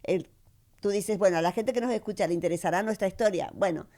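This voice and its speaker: A woman from Argentina with an Argentine accent, co-hosting a podcast, reflective and quick to laugh. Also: medium pitch, mellow. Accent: Argentine Spanish. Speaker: podcast co-host. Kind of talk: casual podcast chat. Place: farmhouse among orange trees.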